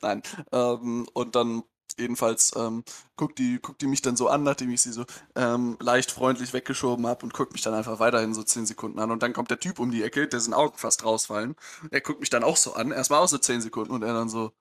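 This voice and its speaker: A man's voice: medium pitch, steady tone, a little fast. A man hosting a podcast, telling a story in casual chat with many hesitations and dry humor. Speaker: podcast host.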